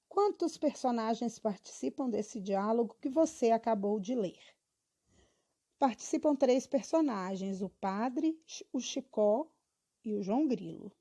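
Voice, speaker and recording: A woman's voice: fairly high pitch, mellow. A girl of about twelve, reading school questions and her answers aloud, evenly and with small stumbles. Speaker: student.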